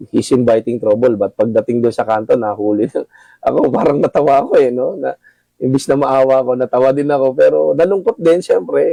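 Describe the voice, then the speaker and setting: A middle-aged Filipino man with a gravelly voice, giving casual advice to fellow riders and gun club members, often tagging his sentences with "no?". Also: medium pitch, warm tone, no echo, low-quality recording. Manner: addresses listeners as brothers, frequent tag "no?".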